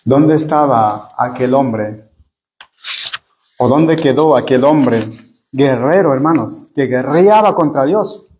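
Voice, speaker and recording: In a slow, mid-range, slightly mellow voice, the man leads a church Bible study sermon and earnestly speaks to his listeners as brothers. He repeats words often as he looks for phrasing, and there's slight background noise.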